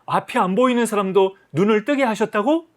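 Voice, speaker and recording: A desperate blind beggar, as a man puts him on, crying out in a pleading voice pitched well above his own. He is eager and urgent, with raised volume throughout. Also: brisk, natural voice. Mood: wondering.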